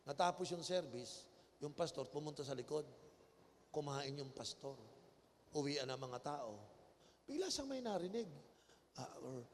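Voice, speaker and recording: A man's voice: a little high, expressive, normal speed, long pauses, slight background noise. A man with a Filipino accent preaching a sermon in a large convention hall, mixing Tagalog and English and calling for audience responses. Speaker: bishop preaching. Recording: long-echo auditorium.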